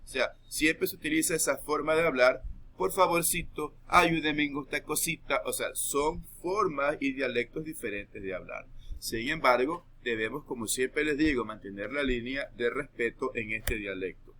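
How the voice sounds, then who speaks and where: A man teaching a recorded lesson, explaining patiently and checking understanding with quick asides. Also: mid-range voice, a bit bright.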